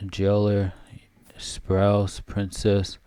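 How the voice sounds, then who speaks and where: A man's voice: fairly low pitch, completely flat delivery, very slow, dark tone, clear, resonant tone, no echo, soft background music. A man giving casual let's-play commentary, thinking aloud and reading game text as he plays. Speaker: gameplay commentator.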